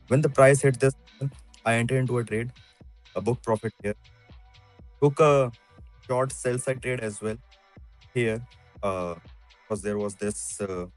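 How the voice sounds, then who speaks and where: A man's voice: medium pitch, a little slow, pauses often, a little mellow, faint music behind. A man on a video call walks through his chart analysis hesitantly, with many filler sounds, while his microphone crackles and cuts out from a loose connection. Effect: crackly, cutting-out microphone from a loose connection. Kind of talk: screen-share walkthrough on a video call.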